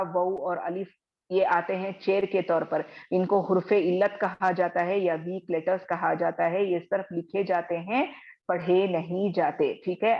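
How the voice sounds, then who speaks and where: Woman tajweed teacher, slow and patient, lower voice, dull call audio. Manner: patient, explains step by step, often checks with "theek hai"; slowly chants Arabic words while demonstrating. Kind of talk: online class lecture. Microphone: video call.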